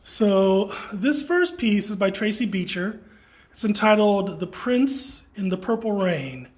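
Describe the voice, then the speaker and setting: A man's voice: sits high, expressive, a little slow. A man speaking casually as a tour guide, showing visitors around. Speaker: exhibit tour guide and co-curator. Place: indoor art gallery. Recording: echoey indoor room.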